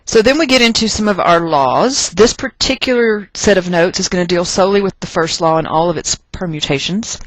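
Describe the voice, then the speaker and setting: A mid-pitched Texas teacher delivers a chemistry lecture over class notes in a folksy, conversational style, stressing and repeating key points and tossing in jokes. His tone is fairly bright, and the recording is dry with almost no room echo.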